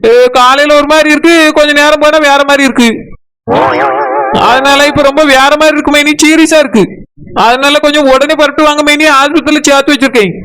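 A man's voice: very high voice, steady tone, a little fast, pushed and bright. A man voicing a giggly, careless young village woman in a cartoon, in a sing-song Tirunelveli Tamil accent. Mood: sheepish.

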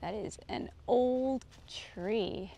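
Extremely slow, a little high, creaky and mellow, this middle-aged woman's voice carries an easygoing, descriptive narration of her forest trail walk as she points things out. She's recorded on a handheld camera that's often at a distance. Faint outdoor noise sits in the background.

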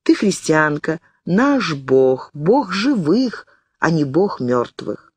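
A woman's voice: low voice, sing-song, takes it slowly, breathy edge, no room sound, full character voice. A woman reading an audiobook, voicing a firm older sister who scolds and steadies her younger sibling. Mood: stern. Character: stern, protective older sister.

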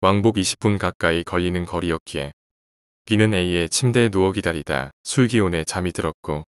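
A man calmly reading out horror stories in an even, casual storytelling way. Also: low-pitched, moderate pace, clear, resonant tone, no room sound, studio quality. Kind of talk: scripted horror story narration.

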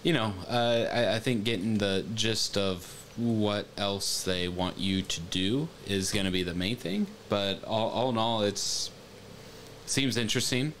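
Low-voiced man reacting on stream. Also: unhurried, a bit bright, a little hiss or hum. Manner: hesitant, many fillers and restarts. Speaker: streamer reacting to a games showcase. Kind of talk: casual reaction commentary. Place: home room, seated at webcam.

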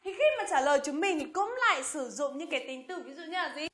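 Young female English teacher, high bright voice, slow clear drilling of phrases. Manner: repeats English phrases slowly and clearly, then explains them. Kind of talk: bilingual language lesson.

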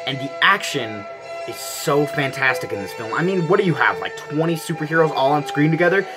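A man's voice: on the high side, expressive, fairly quick, low-quality recording. Gushing young man reviewing a film. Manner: gushing, enthusiastic, frequent "like" fillers. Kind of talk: casual movie review. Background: background music.

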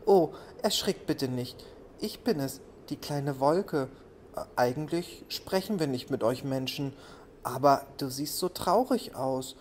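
A man voicing a small, shy and sad little cloud that talks softly and sobs, in a children's bedtime audio play. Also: medium pitch, expressive, takes it slowly, a little hiss or hum. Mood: gentle. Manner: soft, sighing and sobbing.

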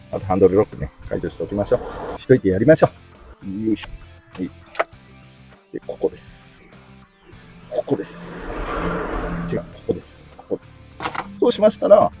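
Middle-aged male host, casual DIY tutorial, lively pitch, grumbles while working. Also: lo-fi sound. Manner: chatty, mutters complaints while working.

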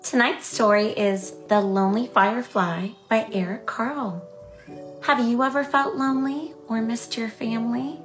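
A woman's voice: on the high side, fairly even intonation, moderate pace, a bit bright, soft background music. A woman in her thirties speaking to camera as a children's story host, in a scripted, friendly presenting style.

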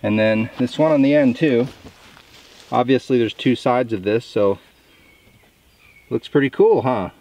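A man's voice: mid-range voice, a little slow, pauses often, darkish tone. A man in his thirties, a sawmill operator, casually explaining his work in an outdoor how-to vlog, recorded on a camera mic in a field. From southern Indiana.

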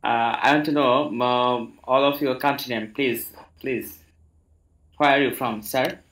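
A man from Bangladesh, a beginner speaking in a hesitant, earnest, halting way on a video call. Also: medium pitch, fairly even intonation, a bit bright. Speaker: beginner participant. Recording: roomy echo.

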